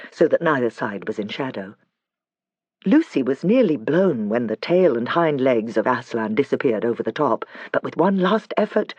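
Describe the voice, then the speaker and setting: A man narrating a children's fantasy audiobook in a measured storytelling manner. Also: medium pitch, dry recording, highs cut off. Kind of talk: scripted narration.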